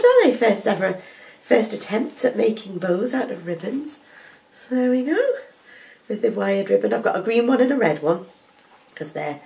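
Sitting in her living room with a cold, a vlogger who's a full-time mum rambles chattily to camera, often self-correcting. Her voice is fairly low-pitched with a darkish tone. The camera sits on a tripod at a distance, so the mic is somewhat far away.

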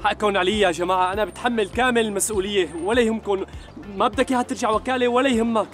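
A fast-talking smooth Syrian con man. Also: high voice, fairly even intonation, fairly bright tone, faint music behind. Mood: smooth reassuring. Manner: fast, ingratiating and overly apologetic. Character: smooth-talking male con man posing as a returnee from abroad. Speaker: actor in a comedy sketch. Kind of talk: Levantine TV comedy acting.

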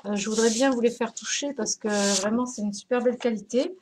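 A woman's voice: a little high, steady tone, brisk, noisy background. A woman hosting a craft live stream, chatting casually, greeting viewers by name with many hesitations.

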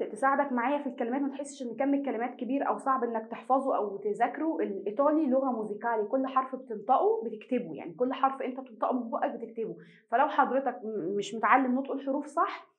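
Woman teacher, Egyptian accent, high voice, fast delivery, asks and answers her own questions. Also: narrow, tinny audio. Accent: Egyptian Arabic. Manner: repeats each word twice slowly for students. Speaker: Italian language teacher. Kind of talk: online class lesson.

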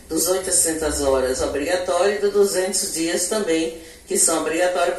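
A middle-aged municipal education secretary with a Bahian Brazilian Portuguese accent answers interview questions into a handheld TV reporter mic, in an indoor office before a logo backdrop. Her low, slightly mellow voice gives a measured, formal, bureaucratic explanation with occasional self-corrections. The room is echoey and she sounds a bit off-mic and distant.

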